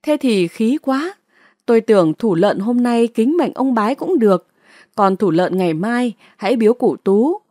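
A woman narrator voicing a calm older male village elder who explains gently. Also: on the high side, moderate pace, no echo, clean studio sound. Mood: soothing.

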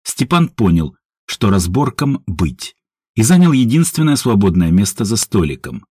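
A man narrating an audiobook with expressive reading. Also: lowish voice, normal speed, slightly rough, no echo, studio quality. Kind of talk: scripted narration.

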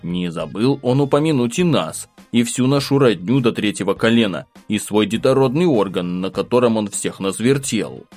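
Low-voiced man narrating an audiobook. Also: expressive, normal speed, hardly any pauses, a little mellow, faint music behind.

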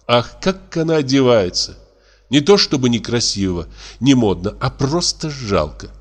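A man reading a play aloud, voicing a sharp-tongued young woman who gossips with drawling scorn. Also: mid-range voice, expressive, unhurried. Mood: scornful.

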